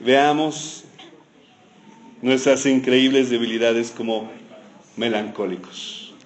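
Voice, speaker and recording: A man's voice: mid-range voice, steady tone, slow. A man preaching a sermon, telling a Bible story in a playful, teasing way with joking asides.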